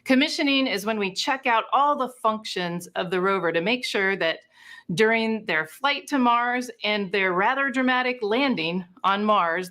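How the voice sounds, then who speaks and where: A woman's voice: medium pitch, fairly bright tone. A woman presenting a science mission update in an explanatory, upbeat manner. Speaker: space mission team member.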